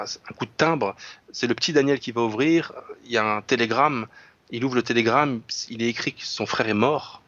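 A man's voice: medium pitch, a bit bright, dry recording, muffled recording. A man talking casually about a novel, hesitant, with frequent restarts and fillers. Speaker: radio show guest discussing literature.

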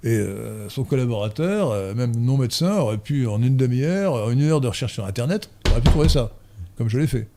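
A man's voice: medium pitch, animated, a little fast, noisy background. A man hosting an interview, talking emphatically and digressively, correcting pronunciation with a pedantic streak. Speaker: host. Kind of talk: interview conversation.

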